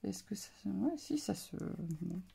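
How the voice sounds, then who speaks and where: A woman's voice: mid-range voice, animated, slow pace, gravelly, dark tone, slightly rough. A woman vlogger casually showing off a craft haul, talking in a hesitant, musing way with many fillers. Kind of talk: casual show-and-tell haul.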